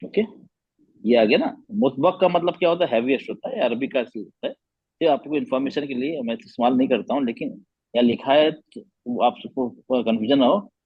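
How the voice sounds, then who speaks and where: A man's voice: mid-range voice, fairly quick, breathy edge, no room sound, phone-quality sound. A man teaching a Quran recitation class online, patiently repeating letter sounds and quizzing his students.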